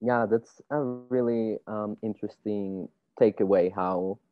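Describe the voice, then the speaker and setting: A man moderating an online panel, speaking haltingly and repeating words. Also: on the low side, fairly even intonation. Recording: tinny dry phone-like call audio.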